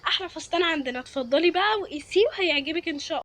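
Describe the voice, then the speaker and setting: A woman's voice: very high voice, racing, fairly bright tone. A woman voicing a welcoming dress shop saleswoman with an Egyptian accent, praising her stock over and over in a game role-play. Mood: salesy.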